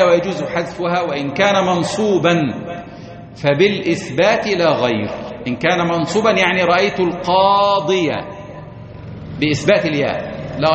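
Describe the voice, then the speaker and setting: A man with a fairly high voice teaches an Arabic grammar lesson to a room of listeners. He reads a line from the text, explains it, then slowly chants verses and example words. The sound is muffled and lo-fi, with a long echo from a large hall and people present. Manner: reads the text aloud, then explains it and asks students questions.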